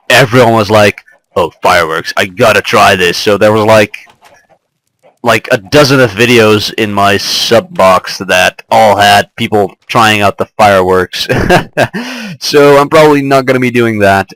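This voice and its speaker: A man's voice: lowish voice, fairly bright tone, no room sound, poor audio. A young man chatting casually and rambling with amusement as he plays and comments on a game. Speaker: let's play host.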